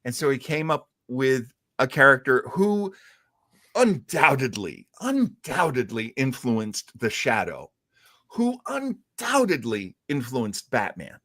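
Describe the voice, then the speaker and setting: A man hosts a casual livestream talk show about classic radio and comics, chatting live in an enthusiastic, rambling way with hesitant phrasing. His mid-range voice is sing-song, bright and forceful, and he takes it slowly. The studio sound is clean, with no echo.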